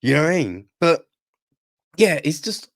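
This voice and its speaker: A man reviews a film on a casual podcast, rambling, opinionated and irritated, constantly adding tag questions like "right?" and "you know." His voice is fairly high-pitched and creaky, very animated, at normal speed.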